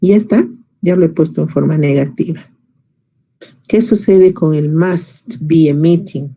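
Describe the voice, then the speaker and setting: Slow, dark-voiced male teacher. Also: a little high. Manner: patient, explains step by step and quizzes students. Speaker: English teacher. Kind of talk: online grammar class.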